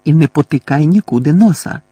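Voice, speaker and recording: A man reading an audiobook voices a shrill, furious old woman, a bossy neighbour who shrieks and scolds. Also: lively intonation, brisk, warm tone, breathy edge, dry recording. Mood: scolding.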